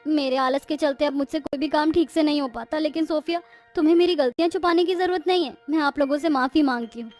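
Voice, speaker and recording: A woman's voice: high-pitched, fast talker, a little mellow, soft background music, natural voice. A woman voicing a lazy elder daughter-in-law in a cartoon story, speaking in an earnest, pleading way. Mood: apologetic.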